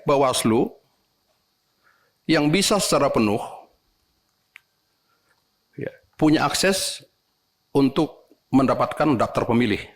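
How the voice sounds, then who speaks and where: A man, a legislator, making animated, complaining remarks to election officials at a parliamentary hearing, often ending phrases with a respectful "sir". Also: a little high, vocal fry.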